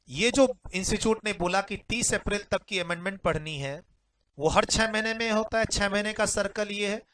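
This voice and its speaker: A man's voice: high-pitched, fairly bright tone, low-quality recording. A male tax teacher, explaining exam updates directly to students, repeating his points and mixing in English phrases.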